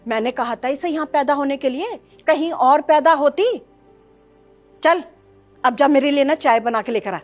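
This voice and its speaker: A woman playing a bitter, contemptuous grandmother and mother-in-law who scolds her family with sharp commands, in a family short film. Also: sits high, normal speed, highs cut off, faint music behind, natural voice. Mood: scolding. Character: harsh, bitter grandmother who scorns girls.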